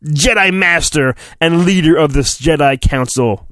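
Reading a storybook with mock drama, this podcast host keeps interrupting himself with crude, irreverent comments in a theatrical manner. His voice sits fairly high, unhurried and a bit bright, with no room sound.

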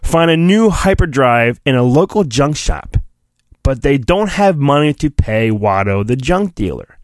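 A solo podcast host reads aloud from a children's storybook with exaggerated, theatrical flair, dragging out words and adding flippant asides. His mid-range voice is expressive, and there is no echo.

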